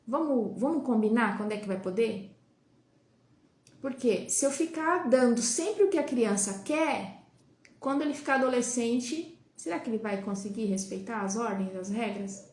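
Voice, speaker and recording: A woman with a Brazilian Portuguese accent hosts a live talk, her voice sitting a little high. She speaks conversationally and keeps tossing rhetorical questions and quick tags to her viewers. The room gives her voice a noticeable echo. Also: animated, a little mellow. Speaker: host of a live talk on child development. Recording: roomy echo.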